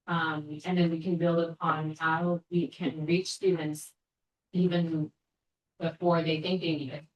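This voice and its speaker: A woman board member making an earnest proposal, pausing with fillers as she thinks. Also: low voice, little pitch movement, dull audio. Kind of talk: board meeting discussion. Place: board meeting room. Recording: echoey room, distant mic.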